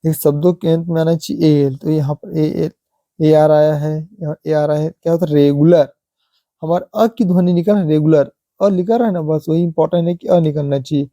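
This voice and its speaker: A man teaching English pronunciation, repeating example words slowly and asking rhetorical questions. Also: a little high, steady tone, dark tone, dry recording. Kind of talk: slow classroom explanation.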